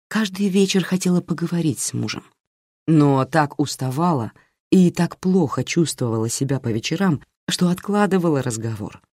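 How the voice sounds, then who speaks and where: A woman narrating an audiobook with lively storytelling intonation. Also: deep voice, dry recording, studio quality. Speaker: audiobook reader.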